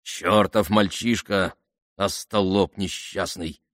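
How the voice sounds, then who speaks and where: A man's voice: sits low, a little slow, no room sound, studio quality. Man doing a grumpy old colonel. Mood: grumbling. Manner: grumbling, bursting into outraged shouts.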